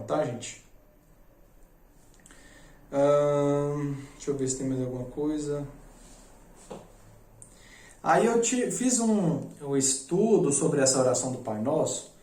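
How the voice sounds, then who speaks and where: A man's voice: a little high, darkish tone, roomy sound. A man giving an informal spiritual class, chatty and stumbling over his words. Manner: chatty, stumbling, reciting prayers slowly. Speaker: spiritual teacher.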